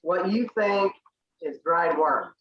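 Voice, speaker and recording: A co-host introduces each food in a relaxed, easygoing way during casual chat. The pitch moves in a lively way. The sound is dull and lo-fi. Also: slow pace, echoey room, noisy background.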